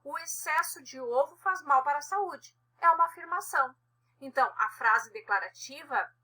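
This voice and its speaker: High bright woman teaching grammar. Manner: explanatory, frequent tag questions. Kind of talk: grammar lesson.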